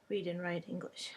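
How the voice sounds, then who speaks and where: A Hungarian-born woman who works as a language tutor speaks to camera in a personal vlog. Her fairly low voice comes out in short, halting phrases.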